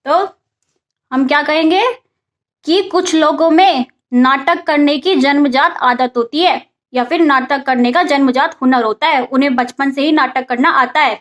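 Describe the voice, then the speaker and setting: Woman, vocabulary teacher, high voice, casual lesson, asks and answers her own questions. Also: unhurried. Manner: mixes English vocabulary into Hindi explanation.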